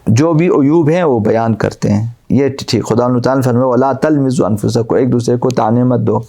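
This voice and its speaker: Male cleric giving a religious talk, gravelly low-key voice, quotes arabic verses then explains them over and over. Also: dark tone. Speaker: Islamic cleric. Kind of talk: religious lecture.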